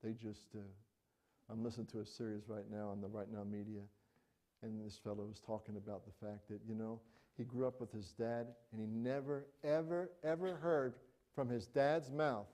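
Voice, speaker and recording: A middle-aged man preaching a sermon in a conversational, animated way, acting out little everyday examples. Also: fairly low pitch, moderate pace. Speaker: pastor.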